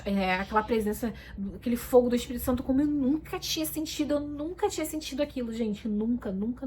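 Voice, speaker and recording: A woman with a fairly high voice gives an emotional religious testimony as a vlogger, speaking casually and repetitively and often calling out to her viewers; she describes herself as shy and soft-spoken. The rough recording has slight background noise.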